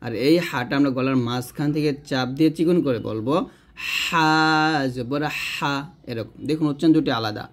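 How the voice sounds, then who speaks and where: A man with a mid-pitched voice teaches Quran recitation in a patient, explaining tone. He slows right down to demonstrate each letter sound, stretching the syllables out before moving on. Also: darkish tone. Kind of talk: step-by-step pronunciation lesson.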